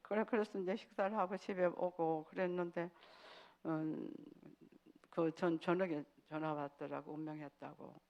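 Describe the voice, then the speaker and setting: A woman's voice: on the low side, fairly even intonation, normal speed, a little mellow, dull audio. A woman giving a sermon testimony, telling her story with animation and acting out pleading prayers.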